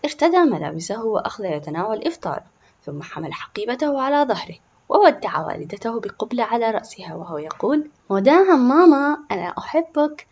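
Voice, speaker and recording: A woman reading a scripted children's story aloud with expressive narration. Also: medium pitch, fast talker, husky, muffled recording.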